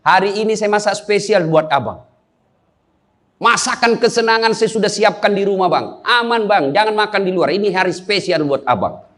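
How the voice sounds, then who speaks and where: A woman's voice: mid-range voice, normal speed, pitched below the performer's own voice, close to an everyday voice. A man voicing a young wife who sweetly coaxes her husband to come home for a special meal. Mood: coaxing.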